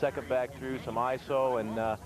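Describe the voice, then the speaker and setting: A man's voice: medium pitch, steady tone, normal speed, a crowd in the background. A middle-aged man, a color analyst and former coach, explaining the game conversationally in unscripted commentary.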